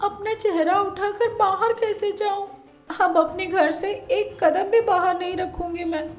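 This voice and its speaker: A woman voicing a sharp-tongued young daughter-in-law who flares up quickly, speaking in a shrill, huffy way. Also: lively intonation, soft background music. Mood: tearful. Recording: roomy echo.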